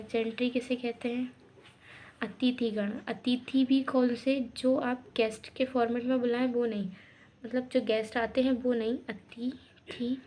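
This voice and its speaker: A woman's voice: a little high, mellow, slight background noise. A young woman teaching an English grammar lesson, explaining step by step and often checking in with her students.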